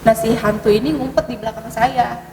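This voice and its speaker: Speaking a little fast, a woman shares eerie ghost stories as a podcast guest in easygoing conversation, hesitating often, leaning on fillers, and rising sharply in pitch. Her fairly high voice is distant from the mic in a long, echoing hall, with noticeable background noise.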